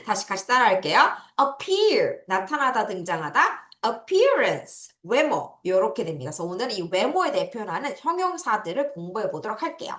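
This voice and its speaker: A woman teaching English words to children, drilling them slowly and laughing now and then. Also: mid-range voice, very animated, a bit bright. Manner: slow, drawn-out drilling of words. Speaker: English tutor. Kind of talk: online vocabulary lesson for children. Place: classroom. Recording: echoey room.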